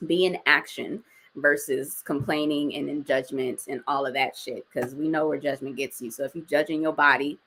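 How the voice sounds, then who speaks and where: A woman's voice: low-pitched, steady tone, normal speed, fairly bright tone, husky. A woman in her forties, a guest talking casually and outspokenly, with slang and some swearing. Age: 40s. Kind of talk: casual interview chat.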